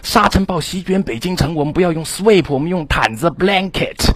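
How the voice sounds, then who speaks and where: A man lecturing students on English vocabulary, animated and exclaiming, often addressing the class directly. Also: a little high, moderate pace, no room sound, clean studio sound. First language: Chinese. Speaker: English exam teacher.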